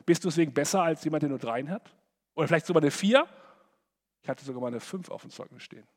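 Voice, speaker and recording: Higher-voiced man preaching in a hall. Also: quick pace. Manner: conversational, animated, acts out imagined quotes. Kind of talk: sermon to young people.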